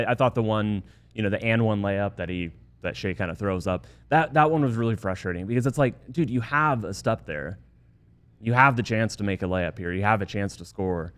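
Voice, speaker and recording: A man's voice: lowish voice, clean tone. A man co-hosting a sports podcast, giving thoughtful analysis and often stammering and restarting his words. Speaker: podcast co-host.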